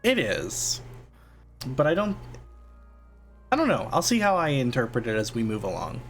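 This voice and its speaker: A man's voice: mid-range voice, wildly swooping pitch, normal speed, fairly bright tone, faint music behind. A man playing a game, reading dialogue aloud and commenting casually.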